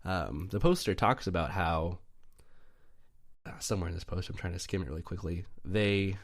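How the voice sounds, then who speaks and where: A young man with a deep, low voice co-hosts a podcast. He chats casually and rambles through his stories, full of fillers and easy laughter. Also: normal speed. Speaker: podcast co-host. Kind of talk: casual chat.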